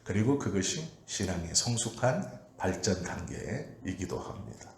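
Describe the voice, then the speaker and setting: A male pastor preaching an early-morning prayer sermon in a calm, measured way, pausing often with "uh". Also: sits low, vocal fry. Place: church sanctuary. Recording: echoey church room with faint ambient noise.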